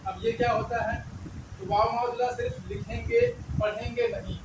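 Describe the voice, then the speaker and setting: A man's voice: very high-pitched, sing-song, moderate pace, vocal fry, distant mic. A man teaching a beginner language lesson, patiently asking questions and answering them himself, repeating key words. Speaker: Urdu teacher. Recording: echoey, mic set back, traffic noise.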